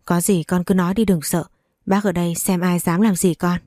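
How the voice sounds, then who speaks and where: A woman reading the part of an older mother-in-law who talks slowly and soothingly but snaps at her daughter-in-law. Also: fairly low pitch, steady tone, warm tone, dry recording, studio quality, natural voice. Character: older mother-in-law, doting yet harsh.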